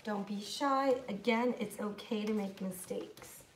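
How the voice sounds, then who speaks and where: A woman's voice: mid-range voice, measured pace, slight background noise. A young American woman teaching English in a live online class, patient and encouraging, reading out students' comments. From United States.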